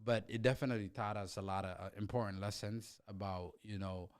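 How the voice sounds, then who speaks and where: A man's voice: lowish voice, steady tone, a little fast, clear, resonant tone. A man in his twenties from Ethiopia, co-hosting a podcast in a laid-back way and often adding "you know what I mean.". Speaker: podcast co-host. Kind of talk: casual chat.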